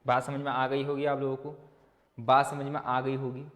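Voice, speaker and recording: A man's voice: medium pitch, completely flat delivery, moderate pace, big-room sound. A man teaching a maths lesson for exam students, asking questions and answering them himself, with some encouraging pep talk. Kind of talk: whiteboard exam-prep lesson.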